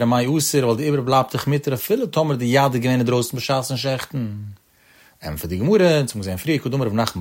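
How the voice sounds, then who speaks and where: A man giving a Talmud study lecture, with a sing-song cadence that rises and drops on each phrase. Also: medium pitch. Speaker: Talmud teacher.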